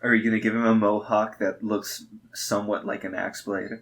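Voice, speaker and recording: A man's voice: on the low side, flat delivery, fairly quick, vocal fry, a bit bright. A man in his twenties co-hosting a casual chat while drawing, laid-back with dry jokes. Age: 20s. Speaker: co-host.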